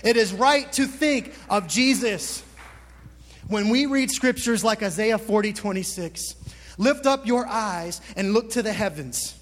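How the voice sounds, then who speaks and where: A man delivers a fervent sermon in a notably high voice, swelling into emphatic lists and rhetorical questions to his congregation. The sound carries the long reverb of a large hall. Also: a little slow. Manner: impassioned, builds to emphatic peaks, asks the congregation questions. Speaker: pastor.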